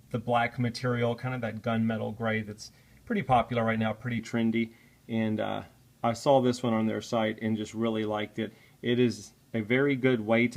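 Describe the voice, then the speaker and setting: A man presenting a casual unboxing vlog, talking in a friendly, apologetic way with frequent "uh" fillers. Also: mid-range voice. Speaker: product reviewer.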